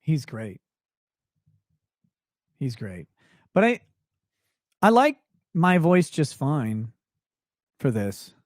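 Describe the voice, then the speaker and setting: Extremely slow, with long pauses, yet very animated, a man with a darkish, not-deep voice hosts a casual late-night livestream. He reads viewers' questions and replies in a sweary, blunt, crude way, recorded in studio quality with no room sound.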